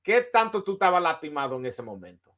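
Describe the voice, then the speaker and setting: A man's voice: fairly high pitch, big pitch swings, fairly quick, fairly bright tone. A Dominican man interviewing a boxer, asking in Spanish and translating into English, with many fillers and restarts. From Dominican Republic. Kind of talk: bilingual interview with own translation.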